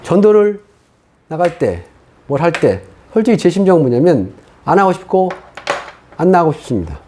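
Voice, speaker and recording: A middle-aged man preaching a sermon as pastor, telling his own story in an animated way and acting out what he once said. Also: fairly high pitch, normal speed, a little hiss or hum. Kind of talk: sermon testimony.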